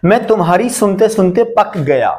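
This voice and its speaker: A man from India teaching English translation, saying each example slowly and repeating every phrase. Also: high-pitched, lively intonation, a little mellow. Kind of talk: Hindi-language English lesson.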